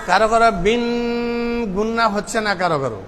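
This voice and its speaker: A male Quran teacher drilling pronunciation with a class, drawing out syllables slowly, then explaining quickly, and chanting the verses. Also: high-pitched, heavy background noise. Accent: Bangladeshi Bengali.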